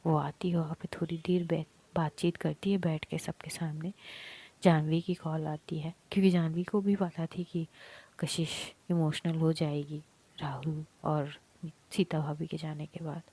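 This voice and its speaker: A woman narrating a love story as a whispered role-play, softly voicing each character's lines. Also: sits low, flat delivery, unhurried, husky. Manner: soft unvoiced whisper, acting out characters' lines.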